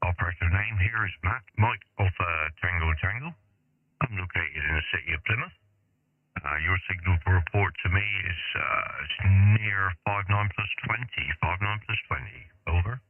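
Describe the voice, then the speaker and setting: A man's voice: low-pitched, normal speed, no room sound. A man, an amateur radio operator, gives his details in a friendly, easygoing way, heard over a narrow shortwave radio signal. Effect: narrow shortwave radio sound. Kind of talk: on-air radio contact.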